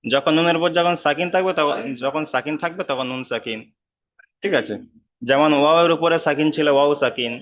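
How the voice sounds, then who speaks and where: A man teaching Quran reading in an online class, patient, repeating each sound slowly over a video call. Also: fairly high pitch. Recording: slightly dull online call audio.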